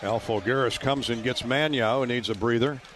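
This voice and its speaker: A man calls a basketball game live on radio from courtside in a folksy, colorful play-by-play, his mid-range voice keeping fairly even intonation at a normal speed. Loud arena noise fills the background, along with ball bounces and gym ambience.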